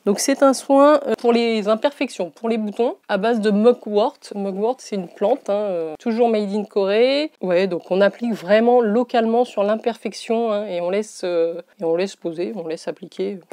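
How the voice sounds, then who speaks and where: A woman's voice: medium pitch, moderate pace, hardly any pauses, mellow, dry recording. A woman beauty vlogger chatting casually while unboxing, rambling with frequent hesitations.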